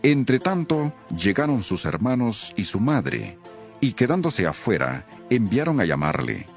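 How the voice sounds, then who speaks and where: A man narrating a Bible reading in a solemn, expressive scripted style. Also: fairly low pitch, measured pace, vocal fry, soft background music.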